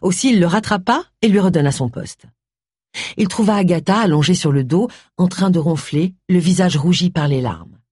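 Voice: mid-range voice, moderate pace, a little mellow, breathy edge, no room sound, clean studio sound. A reader narrating a story expressively, giving each character a voice. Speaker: audiobook reader. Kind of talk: scripted narration.

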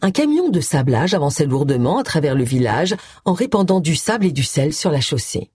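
A woman reading a novel aloud in an expressive storytelling manner. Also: deep voice, brisk, slightly rough, no room sound, clean studio sound. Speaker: audiobook narrator. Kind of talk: scripted narration.

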